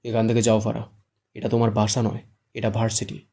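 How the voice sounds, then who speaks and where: A man's voice: fairly low pitch, monotone, a little fast, gravelly, dark tone. A man playing a scolding young male teacher. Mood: angry. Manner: scolding, barking. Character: hot-tempered young male university teacher.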